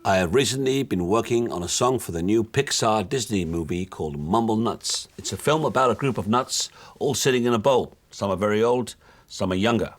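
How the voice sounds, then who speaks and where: An actor playing a vain, oblivious rock musician, talking in a deadpan, rambling way full of little fillers. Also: male voice, on the low side, brisk. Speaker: aging rock star. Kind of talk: mockumentary monologue.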